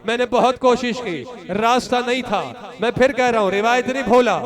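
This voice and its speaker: Very high-voiced man preaching to mourners. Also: normal speed. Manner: emotional, declamatory, addresses the mourners directly. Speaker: religious orator at a mourning gathering. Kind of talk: impassioned mourning sermon recitation. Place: mourning assembly hall. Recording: crowd of mourners audible behind. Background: crowd noise.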